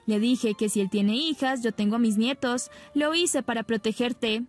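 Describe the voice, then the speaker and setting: A woman's voice: a little high, normal speed, close to an everyday voice. A woman reading the lines of a firm, unyielding older grandmother who rules her household. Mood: defensive. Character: stern older grandmother matriarch.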